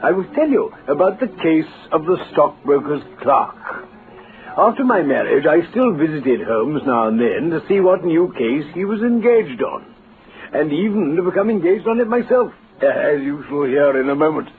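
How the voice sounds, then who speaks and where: A man with a British accent playing an amiable, eager gentleman doctor in an old-time radio drama. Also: fairly high pitch, expressive, normal speed, faint music behind. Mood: genial storytelling. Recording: tinny, hissy old radio recording.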